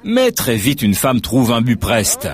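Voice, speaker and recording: A man's voice: mid-range voice, wildly swooping pitch, a little slow. A man from narrating a nature documentary in a scripted, storytelling way.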